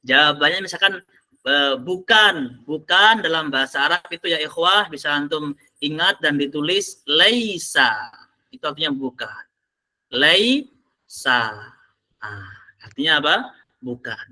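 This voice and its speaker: A man leads an online Arabic lesson, calling on students and praising their answers. His voice sits high and sounds very bright and forceful. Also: animated, a little slow, long pauses. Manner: asks the class questions and praises answers. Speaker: Arabic teacher. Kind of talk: online class teaching.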